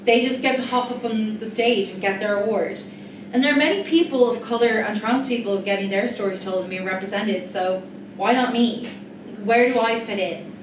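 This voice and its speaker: A woman's voice: fairly high pitch, a little fast. A woman giving a rehearsed reading of an autobiographical stage monologue, speaking earnestly and reflectively, straight to her audience. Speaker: writer-performer of an autobiographical solo play. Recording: echoey, distant mic, noisy room.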